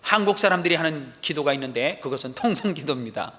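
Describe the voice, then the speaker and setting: Animated male pastor in an echoing hall. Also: a little high, fast. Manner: acts out quoted voices with sudden loud outbursts. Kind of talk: animated sermon. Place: church sanctuary. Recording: long echo of a large hall.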